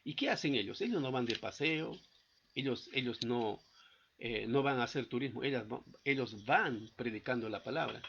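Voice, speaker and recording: A man's voice: medium pitch, animated, normal speed, gravelly, fairly bright tone, lo-fi sound, a little hiss or hum. A man preaching a sermon at a church service, often stopping to ask the congregation whether they follow him. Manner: asks the congregation frequent rhetorical check-in questions.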